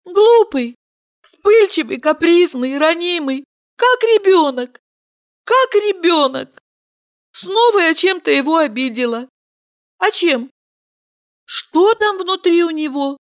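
A woman voicing an emotional, excitable young woman who pleads in shrill, breathless cries. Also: slow pace, pauses often, heavily acted. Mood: excited.

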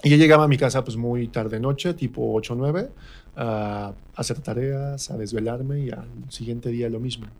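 Guesting on a radio interview, a stage actor with a central Mexican accent tells personal stories casually and plays out remembered remarks. His voice is gravelly and mid-range at a moderate pace, with a slight hiss or hum.

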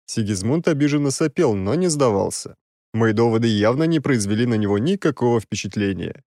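A man's voice: medium pitch, animated, fairly quick, darkish tone, dry recording. Wry male audiobook narrator, dry sound. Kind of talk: scripted first-person narration.

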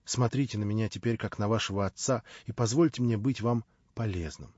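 A male audiobook reader voicing a smooth, hypocritical middle-aged nobleman who coaxes with false kindness and hides his spite. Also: on the low side, brisk, darkish tone, no room sound, dull audio. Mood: ingratiating. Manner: unctuous, persuasive, turning mocking.

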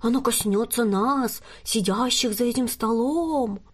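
A woman voicing a young girl who pretends to be a solemn fortune teller, speaking slowly and mysteriously. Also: fairly high pitch, breathy edge. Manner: slow, drawn-out, mysterious.

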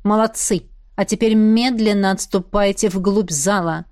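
A male necromancer officer barks short, crisp orders as a woman narrator voices him. The audiobook sound is dry and close, with no echo. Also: mid-range voice, steady tone, a little slow, darkish tone, close to an everyday voice. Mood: commanding.

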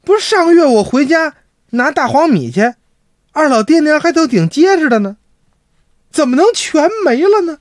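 A man's voice: extremely high pitch, flat delivery, measured pace, hardly any pauses, dark tone, no room sound, studio quality, pitched above the performer's own voice. A man voicing a flustered older sister who stammers anxious questions in a Beijing storytelling piece.

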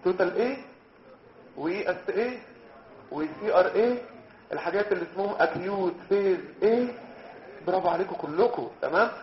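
A man's voice: high voice, a little fast, pauses often. A man with an Egyptian accent lecturing on medicine, quizzing his students and dropping in English terms. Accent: Egyptian Arabic. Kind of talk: lively lecture with role-play. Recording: roomy, dull lecture recording.

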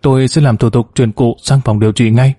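A composed woman doctor speaks plainly and politely, as voiced by a man. The tone is mellow and close, with a dry, roomless sound. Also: mid-range voice, fairly even intonation, fairly quick, no echo, natural voice. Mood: matter-of-fact. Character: calm, professional female hospital doctor.

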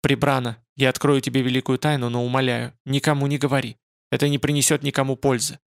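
A man's voice: medium pitch, flat delivery, fast talker, vocal fry, no room sound, studio quality, natural voice. A man voicing a proud, fierce young woman held captive, urgent and commanding. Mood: pleading.

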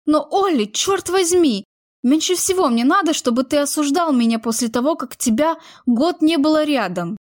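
A woman's voice: sits high, expressive, normal speed, a little mellow, no room sound, clean studio sound, pitched above the performer's own voice. A woman voicing a young woman in a heated argument with her partner, defensive and emotional. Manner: heated, pleading outbursts.

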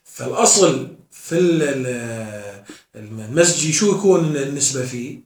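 A man's voice: medium pitch, lively intonation, measured pace, darkish tone. A man teaching a class as a sheikh, often asking his students questions and answering them himself. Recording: echoey room, mic far off.

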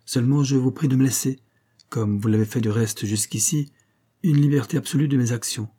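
A man's voice: medium pitch, a little fast, warm tone, breathy edge, close to an everyday voice. A man reading an audiobook, voicing a stern, agitated young husband in clipped, tense phrases. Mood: strained. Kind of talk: audiobook character voice.

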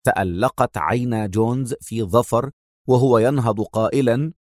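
A man narrating a crime thriller audiobook with steady, measured pacing. His mid-pitched voice is recorded dry and close, with no room sound. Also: no echo.

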